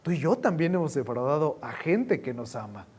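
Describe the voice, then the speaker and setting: A male pastor preaching a sermon, swinging between loud emphasis and hushed, quiet lows. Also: sing-song, moderate pace, breathy edge.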